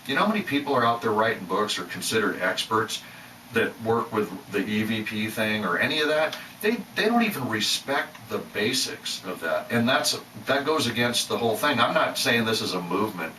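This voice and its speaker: Speaking with a fairly low pitch and big swings in intonation, this host drifts through a rambling, casual monologue full of self-doubt and restarts. His delivery is moderate in pace, pushed and bright. The rough recording is reverberant and distant, with a faint room hum.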